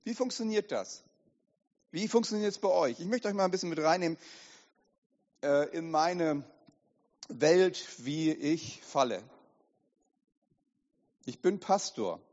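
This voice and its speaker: A man preaching as a pastor, lively and direct, often asking the congregation questions, recorded in an echoey hall with dull sound. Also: a little high, measured pace, long pauses. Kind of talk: sermon.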